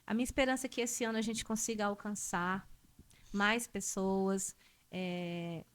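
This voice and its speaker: Brazilian teacher woman chatting on a podcast, lively, keeps adding tag questions. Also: mid-range voice, unhurried. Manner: animated, laughs often, frequent tag questions. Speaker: guest, Portuguese teacher. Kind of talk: casual podcast conversation.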